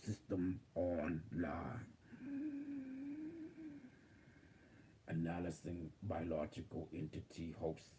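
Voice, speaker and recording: A man voicing a calm future AI healer that speaks in slow, gentle machine announcements. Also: low-pitched, a little hiss or hum, pitched below the performer's own voice, rough recording. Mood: robotic, soothing. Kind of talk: spiritual channeling session.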